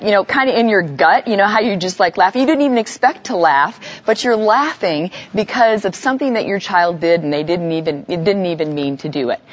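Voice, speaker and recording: A woman's voice: mid-range voice, highs cut off. A woman teaching parents in a live seminar, speaking conversationally and addressing the audience with everyday examples. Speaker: parenting educator giving a live talk.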